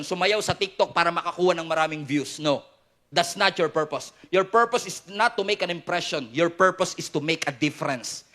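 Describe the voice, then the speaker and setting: A Filipino man delivers a sermon with a high, ringing, bright voice. He works the congregation with repeated refrains and direct questions. Playful jokes keep the preaching lively. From Philippines. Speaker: pastor.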